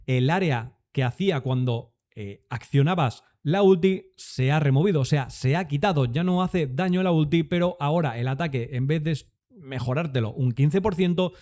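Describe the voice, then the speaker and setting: A man's voice: a little high, moderate pace, mellow. Upbeat young man with Spanish accent. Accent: Spain Spanish. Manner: explanatory, upbeat, addresses viewers as "gente". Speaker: gaming content creator. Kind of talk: game update rundown.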